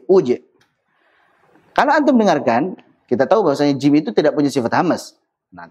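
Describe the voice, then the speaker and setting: A man's voice: fairly high pitch, a little mellow, husky. A man teaching a lesson on pronouncing Arabic letters, explaining step by step, modelling each sound and checking that listeners follow. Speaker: Quran recitation teacher. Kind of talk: online tajwid lesson.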